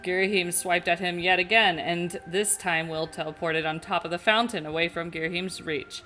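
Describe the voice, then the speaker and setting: A woman's voice: lowish voice, steady tone, moderate pace, bright, forceful tone, faint music behind. A young woman reading fan fiction aloud and chatting casually, with frequent giggles. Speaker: co-reader.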